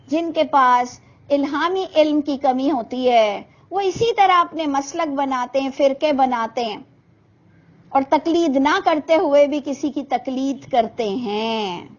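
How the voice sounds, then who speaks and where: A woman gives an online Quran commentary class in a high voice. She speaks earnestly and preaches, asks her students rhetorical questions and drops in English words. The video call audio sounds a little muffled. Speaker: Quran teacher.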